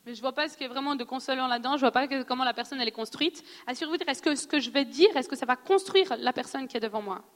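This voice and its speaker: A woman with a noticeable accent teaching a church audience on prophecy in a conversational, animated way, often laughing and asking questions. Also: sits high, very fast, hardly any pauses. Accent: non-French accent in French. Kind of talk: sermon teaching. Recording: long hall reverb.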